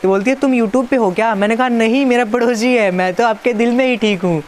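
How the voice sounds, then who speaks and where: A man's voice: extremely high pitch, brisk, slight background noise. Joking man reading out a chat. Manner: playful, teasing, reads chat lines aloud. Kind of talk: casual joking commentary.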